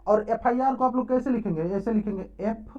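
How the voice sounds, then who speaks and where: A fast-talking man with a high-pitched but mellow voice gives a classroom-style English grammar lesson. He asks questions and supplies the answers himself, with many quick check-ins, on a dull lo-fi recording.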